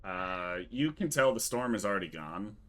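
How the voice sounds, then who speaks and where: A man's voice: on the low side, sing-song, normal speed, fairly bright tone. A man narrating as game master in a casual way, restarting often. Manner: casual, with frequent restarts and fillers.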